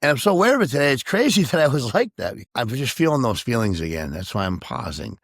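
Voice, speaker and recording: A man co-hosting a podcast, talking candidly and emotionally about his own past behavior, halting and self-reflective. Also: medium pitch, very animated, dry recording, studio quality. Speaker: podcast co-host. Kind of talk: candid personal conversation.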